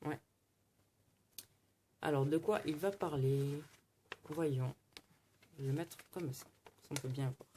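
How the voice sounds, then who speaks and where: A man's voice: on the high side, slow pace, pauses often, a little mellow, a little hiss or hum. A man casually narrating as he opens card packs and flips through magazines, keeping up a chatty running commentary. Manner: chatty running commentary while flipping pages. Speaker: card-opening vlogger. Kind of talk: casual unboxing chat.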